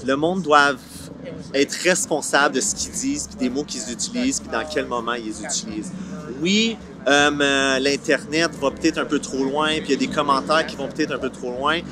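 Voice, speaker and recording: A crowd can be heard behind this Franco-Ontarian man in his forties, a series creator from Ottawa, Canada, interviewed on an outdoor park film set. He speaks casually in a mid-range voice at normal speed, mixing English words into colloquial speech, with soft music underneath.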